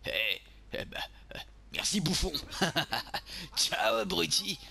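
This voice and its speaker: Un homme jouant un beauf marseillais bourru. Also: male voice, on the high side, sing-song, slow pace, gravelly, bright, forceful tone, breathy edge, heavily acted. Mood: grumbling. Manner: crude, vulgar grumbling, talking to himself while playing. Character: boorish drunk beer-loving lout, man, crude and brash. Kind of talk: game role-play commentary.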